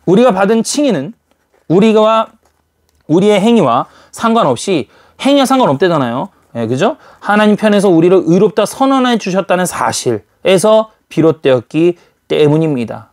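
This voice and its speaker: Man preaching, high voice, very lively and quick, emphatic, rhetorical questions. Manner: animated, emphatic, full of rhetorical questions to the audience. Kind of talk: sermon.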